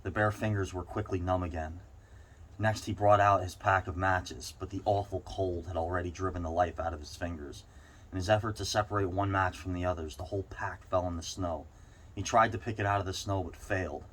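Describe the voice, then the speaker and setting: Low-voiced man reading a story aloud. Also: steady tone, a little fast, fairly bright tone. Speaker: reader. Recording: clear background noise.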